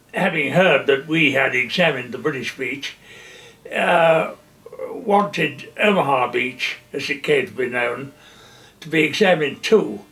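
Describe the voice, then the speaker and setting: An older man, a retired general, recalling wartime missions in a halting way with many pauses and fillers. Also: fairly high pitch, vocal fry, a bit bright, recorded from a distance. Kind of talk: wartime reminiscence.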